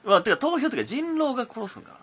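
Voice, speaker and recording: A young comedian hosting a casual solo radio talk has a very high-pitched, husky voice and a quick pace. His Kansai accent comes through as he rambles, full of energy and fillers.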